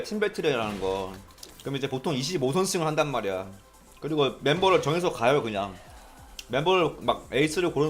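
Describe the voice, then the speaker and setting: A young man from South Korea casually telling stories, animated and often mimicking people he quotes. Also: on the high side. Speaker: streamer recalling arcade days. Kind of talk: casual storytelling chat.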